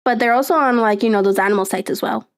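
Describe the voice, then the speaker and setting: Talking fast in a voice on the high side, a young woman chats casually to her live stream audience. She's excitable and rambling, peppering her talk with fillers and frequent laughs.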